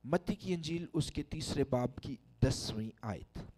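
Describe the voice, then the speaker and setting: A middle-aged Pakistani pastor with a Pakistani Urdu accent, preaching a sermon into a handheld mic in a large church hall, with emphatic calls to the congregation. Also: male voice, medium pitch, expressive, measured pace, warm tone. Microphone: handheld microphone.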